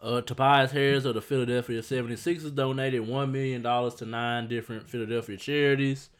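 Mid-range male co-host, relaxed news-read-and-riff delivery, casual podcast. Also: medium pitch, fairly quick, clear, resonant tone. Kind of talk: casual chat.

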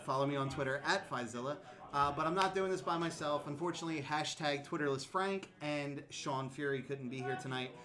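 A man's voice: on the high side, fairly quick, fairly bright tone. Chatty laughing male podcast host. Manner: rambling, laughs often, many fillers. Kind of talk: casual chat. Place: comic book store.

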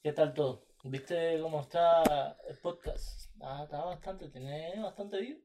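A man's voice: a little high, slow pace, background noise. A man hosting a casual podcast, teasing his partner in playful banter. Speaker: podcast host and producer. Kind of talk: casual couple chat.

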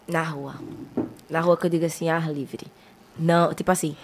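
A woman's voice: low voice, level tone, moderate pace, slight background noise. A woman, a guest chatting casually and emphatically on a podcast, often laughing.

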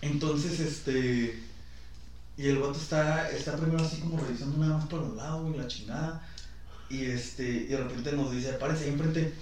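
A young man with a Mexican accent telling a story on a casual podcast, full of crude slang and lively retelling. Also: on the high side, normal speed. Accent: Mexican Spanish. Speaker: podcast host. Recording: echoey room, far from mic, faint noise.

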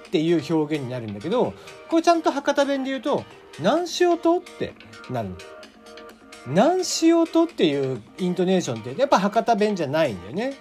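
A man from Kagoshima with a mixed Kagoshima and Hakata accent, hosting a casual solo podcast, chatty with lots of fillers. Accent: mixed Kagoshima and Hakata dialect. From Kagoshima, Japan. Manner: chatty, many fillers, lively pitch swings. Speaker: podcast host. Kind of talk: casual solo radio talk.

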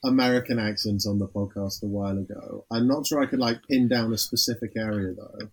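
Hesitant, husky man co-hosting a podcast. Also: fairly low pitch, steady tone, a little fast, poor audio. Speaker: podcast co-host. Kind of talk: casual chat.

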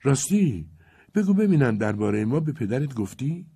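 Storybook role: shy seventeen-year-old village girl, hushed and gentle, read by a male narrator. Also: medium pitch, sing-song, slightly rough, voice pushed up. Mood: tender. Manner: soft, hushed speech.

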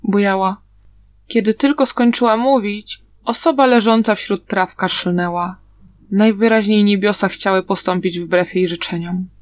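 A woman narrating a story aloud in an even, steady reading manner. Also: medium pitch, moderate pace, dry recording. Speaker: audiobook narrator.

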